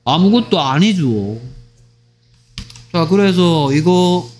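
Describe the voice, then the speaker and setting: A man teaching English grammar in a lively, teasing way, often checking whether students follow. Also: high-pitched, takes it slowly. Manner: acts out short skits in other voices. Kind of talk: online grammar lecture.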